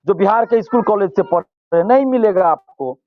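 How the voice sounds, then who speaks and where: A man's voice: high voice, a little fast, no room sound, narrow, tinny audio. A male student leader, giving impassioned interview answers and repeating phrases for force.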